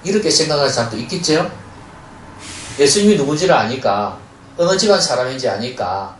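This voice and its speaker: An earnest male pastor delivers a sermon, often turning to the congregation with questions. His pitch rises and falls in a lively way. The sound rings around a roomy church, with faint ambience behind it. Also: fairly quick, slight background noise. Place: church sanctuary. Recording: echoey church hall, mic far off.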